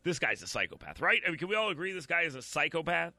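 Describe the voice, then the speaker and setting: A man's voice: fairly high pitch, sing-song, fast talker, vocal fry, pushed and bright, no echo. A man giving blunt, opinionated commentary while reading out a news story, talking straight to his audience and stumbling over repeated words.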